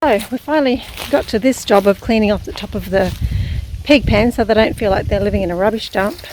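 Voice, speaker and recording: A woman's voice: mid-range voice, fairly quick, background noise. Australian woman vlogging casually outdoors. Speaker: host of an off-grid farm vlog. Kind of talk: casual vlog narration and chat. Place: outdoors on a rural property.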